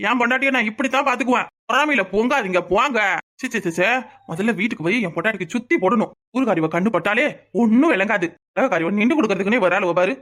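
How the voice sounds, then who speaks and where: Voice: mid-range voice, bright, forceful tone, close to an everyday voice. Someone doing a swaggering doting village husband. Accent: southern Tamil (Tirunelveli). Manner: swaggering, playful, protective. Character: boastful doting young village husband, strong laborer. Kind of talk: cartoon voice acting.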